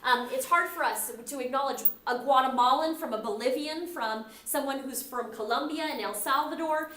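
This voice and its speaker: In this classroom recording with an echoey room, a middle-aged American woman teaches conversationally and acts out the remarks she cites. Her voice sits high with a fairly bright tone, moving at a moderate pace.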